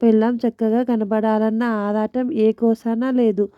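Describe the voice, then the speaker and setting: A woman voicing an excited, bossy middle-aged wife who chides her husband in a storybook tale. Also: on the high side, unhurried, clear, resonant tone, no room sound, close to an everyday voice. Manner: chiding, eager. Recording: dull lo-fi dry recording.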